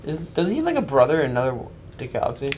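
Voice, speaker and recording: A man's voice: medium pitch, huge pitch swings, very fast, darkish tone, a little hiss or hum. A man co-hosting a let's-play with casual, offhand banter and comments on the gameplay. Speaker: gaming video co-host.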